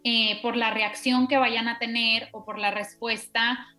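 A woman talks through parenting ideas in a casual, steady way, piling up example after example. Her voice sits a little high. Soft music plays faintly underneath. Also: a little slow. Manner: explains steadily with many examples. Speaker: parenting podcast co-host. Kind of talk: casual explanatory chat.

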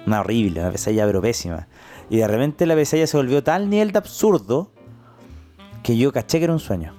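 A young man with a Chilean accent, co-hosting a casual podcast in a dry, teasing, low-key way. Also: big pitch swings, fast talker, mellow, soft background music. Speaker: podcast co-host. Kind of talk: casual chat.

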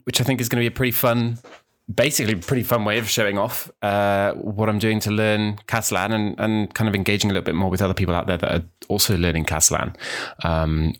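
A young New Zealand man, a language student, talks through the introduction to his casual solo podcast, meandering and thinking aloud. His very low voice is relaxed and rambling, with lots of ums and restarts.

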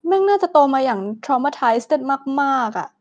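Young woman co-host, high voice, outspoken slangy chat, dull lo-fi sound. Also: lively intonation, measured pace. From Thailand. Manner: outspoken, crude slang mixed with English words. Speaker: podcast co-host. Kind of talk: casual chat.

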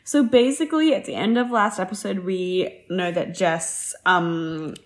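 A woman's voice: fairly low pitch, measured pace. Aussie woman cohosting a chatty podcast, keeps laughing, acts out quotes. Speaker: podcast co-host. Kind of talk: casual recap chat.

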